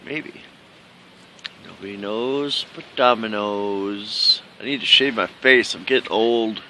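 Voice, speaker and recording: Male vlogger, middle-aged, sharp bright tone, loose joking chat, faint outdoor wind behind. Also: on the low side, slow. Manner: jokey, crude humor. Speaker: vlog host. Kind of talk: casual vlog chat. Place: outdoors on a windy day.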